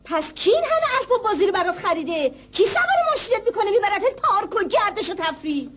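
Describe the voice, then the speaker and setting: A woman's voice: extremely high pitch, very animated, fairly bright tone, exaggerated voice. An actress playing a fussy mother who scolds and soothes her child and sighs expressively. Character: fussy mother, middle-aged, scolding and doting. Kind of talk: TV children's drama.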